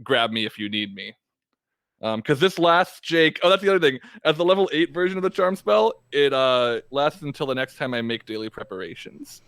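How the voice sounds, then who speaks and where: A man playing a tabletop game, explaining his moves casually and haltingly as he thinks aloud. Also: on the high side, lively intonation, a bit bright, clean tone, no room sound.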